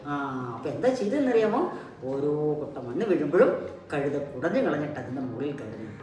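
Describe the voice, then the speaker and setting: As a puppet show host and storyteller, this woman uses a low, dark-toned voice to tell children a story in a teacherly manner, posing questions and repeating key words. She sounds far from the mic in a very echoey space. Music plays behind her.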